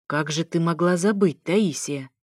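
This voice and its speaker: A young man in pain, read by a woman, hissing and wincing as he speaks, his words pushed out through clenched effort. The voice sits low and the recording is close and dry, like a storybook read straight into the mic. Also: measured pace, husky, dry recording. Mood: strained.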